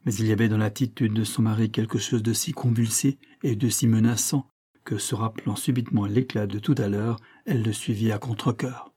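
A man narrating a story aloud in a measured, dramatic way. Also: fairly low pitch, fairly even intonation, warm tone, slightly rough. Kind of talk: audiobook narration.

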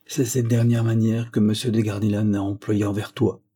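A man's voice: on the low side, flat delivery, normal speed, warm tone, lightly acted. Man reading as a pleading old grandfather. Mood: earnest. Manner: earnest, tender entreaty.

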